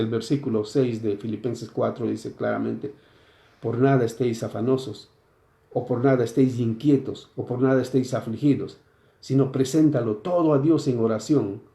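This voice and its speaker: A pastor delivers a sermon in a very dark, mellow voice with a gravelly edge. He keeps turning to his listeners with rhetorical questions as he works through scripture. The sound carries the echo of a church room. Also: medium pitch. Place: church sanctuary.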